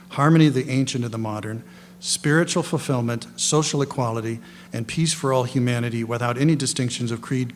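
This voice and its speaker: Male event host, mid-range voice, rambling and folksy introductions, noisy echoing hall recording. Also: mid-range voice. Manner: rambling, self-correcting, folksy asides. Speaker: lecture host introducing guest panelists. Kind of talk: informal spoken introductions, partly read from notes. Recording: echoey hall, clear background noise and hum.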